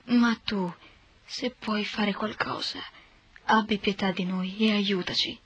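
A woman's voice: medium pitch, fairly even intonation, slow pace, slightly rough, muffled recording. A woman reading the lines of a desperate father pleading for his son in a scripted Bible reading.

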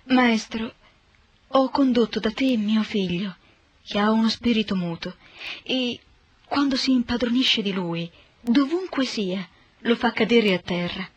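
Desperate father, earnest and husky, woman reads him; dry sound. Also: fairly high pitch, unhurried, no room sound, highs cut off. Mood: pleading. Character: desperate father pleading for his son. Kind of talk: scripted Bible reading.

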